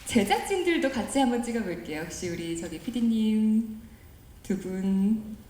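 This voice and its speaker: In an indoor press conference room, a woman hosts a press event in a polite, cheerful, chatty public radio style, coaxing and courteous. Her mid-range voice is warm and animated at a moderate pace, in a roomy hall with background noise.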